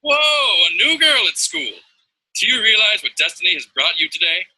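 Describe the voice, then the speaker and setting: A swaggering teen boy in a game, showing off with a high, lively, bouncing voice. The sound is dry and close, a bit husky. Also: moderate pace, no echo, heavily acted, poor audio. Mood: boastful. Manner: showy, self-important.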